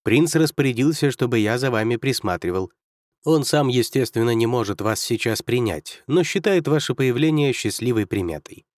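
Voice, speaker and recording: Cheerful young officer, read by a man narrator: lifted, brisk, amused, dry recording. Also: mid-range voice, no echo, natural voice. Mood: cheery, amused. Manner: brisk, amused, raised lively voice. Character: cheerful stocky young male military officer. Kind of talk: audiobook character voice.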